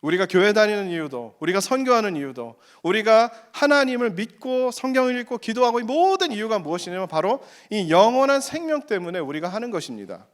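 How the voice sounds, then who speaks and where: A man with a Korean-American accent preaching an interactive sermon, putting rhetorical questions to his listeners and stressing key phrases with slow, emphatic repetition. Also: high-pitched, big pitch swings. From United States. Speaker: pastor preaching.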